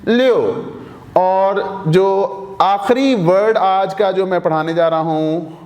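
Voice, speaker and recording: A male language teacher with a Pakistani Urdu accent, drilling each word slowly and repeating it several times. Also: high voice, fairly even intonation, a little mellow. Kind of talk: slow, repetitive lesson. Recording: echoey room.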